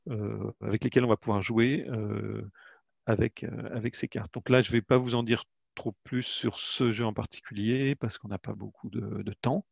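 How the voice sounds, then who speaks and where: A man's voice: lowish voice, fairly even intonation, moderate pace, creaky, breathy edge, no echo. A man giving a webinar presentation of his educational card games, hesitant and full of "euh" fillers and restarts, on a computer mic over a video call. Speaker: educational game creator presenting. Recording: dull lo-fi webinar audio, dry.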